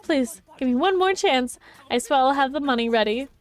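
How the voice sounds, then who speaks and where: A woman's voice: sits high, expressive, moderate pace, soft background music. A woman voicing a very old, frail male pawnbroker who pleads and fawns in a game story. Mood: pleading. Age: very old man, as played. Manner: pleading, stammering.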